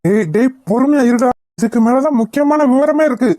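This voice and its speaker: Calm reassuring friend, voiced by a woman. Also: high-pitched, brisk, no echo, studio quality. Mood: soothing. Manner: soothing, urging patience. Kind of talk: cartoon voice acting.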